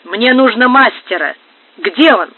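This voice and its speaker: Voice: medium pitch, lively intonation, a little slow, slightly rough, dry recording. The reader voicing a huge male visitor who speaks insistently and secretively, in an audiobook. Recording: narrow phone-like sound.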